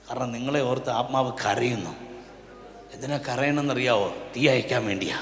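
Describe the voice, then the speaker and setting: A male pastor, preaching a sermon and swinging from quiet asides to loud, impassioned calls. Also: medium pitch, normal speed, crowd noise. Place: church prayer hall. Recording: echoey church hall, long reverb.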